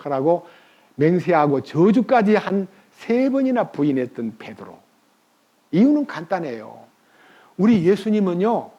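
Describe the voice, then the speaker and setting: A man preaching a sermon as pastor, telling the story with animated energy and asking the congregation rhetorical questions. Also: sits high. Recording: dull lo-fi recording.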